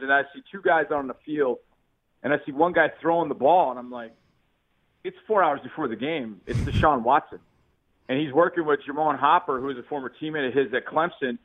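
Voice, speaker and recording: Male sports reporter phoning in over Bluetooth, lo-fi and tinny, easygoing storyteller. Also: on the high side. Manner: chatty, easygoing storyteller who laughs often. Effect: phone call over a Bluetooth line that cuts in and out. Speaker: sports reporter calling in as guest. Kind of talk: casual sports radio chat by phone. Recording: tinny lo-fi phone line.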